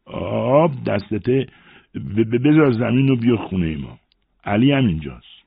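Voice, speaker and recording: A man's voice: fairly low pitch, lively intonation, gravelly, slightly rough, no echo, voice pushed up, heavily acted. A man doing a scheming schoolboy faking a stutter. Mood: stuttering disguise. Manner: fakes a stutter to disguise himself. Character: mischievous schoolboy friend, boy, scheming. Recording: dry, phone-like narrow sound.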